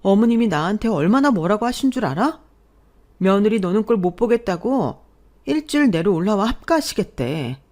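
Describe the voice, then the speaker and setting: A woman's voice: mid-range voice, lively intonation, normal speed, a little mellow, natural voice. A woman voicing a young wife who is fed up with her mother-in-law, speaking sharply in a radio drama. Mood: angry. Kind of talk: Korean radio drama acting.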